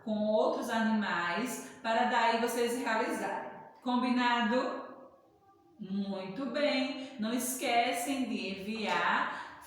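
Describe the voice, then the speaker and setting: Lady teacher sounding out syllables real slow, kinda high voice, far off in a big echoey room. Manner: slow, patient, spells out syllables letter by letter; calls herself "tia", coaxing and praising. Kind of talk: recorded early literacy lesson for young children. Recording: echoey room, distant from the mic, long reverb.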